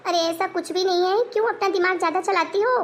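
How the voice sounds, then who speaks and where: A woman's voice: extremely high pitch, fast. A woman voicing an exasperated young husband who pleads and sighs in a family story. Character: exasperated young husband, patient but fed up.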